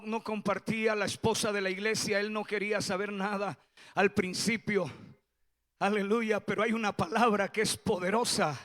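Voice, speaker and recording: High-pitched fervent preaching man. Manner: fervent preaching, swells to shouts. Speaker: pastor. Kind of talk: sermon.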